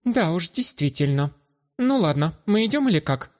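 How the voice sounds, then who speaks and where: A male audiobook narrator voicing a sharp-tongued, inquisitive young noblewoman in a raised, lively voice. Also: a little high, moderate pace, pitched above the performer's own voice. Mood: teasing. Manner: mocking, inquisitive.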